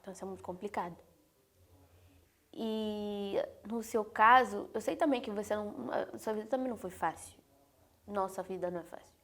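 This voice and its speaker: A young woman from Brazil hosting an interview, talking with emotion and many halting restarts. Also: mid-range voice. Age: young adult. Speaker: host. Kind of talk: heartfelt interview chat.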